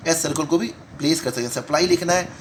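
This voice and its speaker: A man teaching shorthand in a step-by-step lesson, repeating each word slowly as he writes it out. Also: a little high, a little hiss or hum, rough recording. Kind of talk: step-by-step lesson talk in Hindi-English mix.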